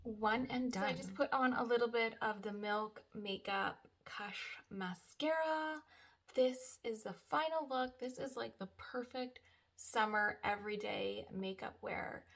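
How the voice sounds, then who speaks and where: A woman's voice: on the high side, measured pace, gravelly, a bit bright. A young woman chatting casually through a makeup tutorial, gushing about products with lots of fillers. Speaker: beauty vlogger.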